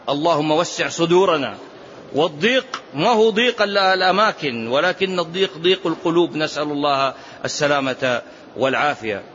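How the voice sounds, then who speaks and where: A middle-aged man giving a mosque sermon in a high, ringing voice. He exhorts and scolds by turns and keeps firing rhetorical questions at the congregation. The recording is dull and lo-fi, with a faint hiss underneath. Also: fairly bright tone. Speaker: preacher.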